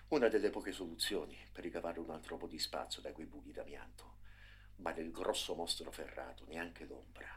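Husky low-voiced male storyteller. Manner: expressive, dramatic reading with hushed passages. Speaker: narrator. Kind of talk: storybook narration.

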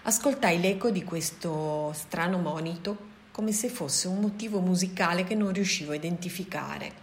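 A woman giving a scripted audiobook narration of a novel in a soft, even reading voice. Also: fairly low pitch, moderate pace. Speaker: audiobook reader.

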